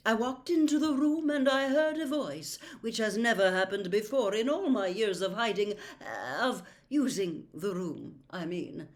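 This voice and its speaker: A woman voicing a haughty, theatrical older female divination professor for a storybook, shrill and drawn-out, with defensive hemming. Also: lively intonation, close to an everyday voice. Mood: affronted, flustered.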